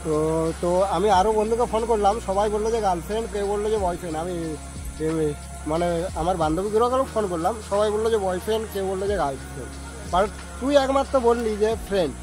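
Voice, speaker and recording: A man's voice: high-pitched, lively intonation, fast talker, a little mellow, soft background music, low-quality recording. A man hosting casually, putting insistent questions to his friends. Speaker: host making prank calls to friends. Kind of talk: casual chat.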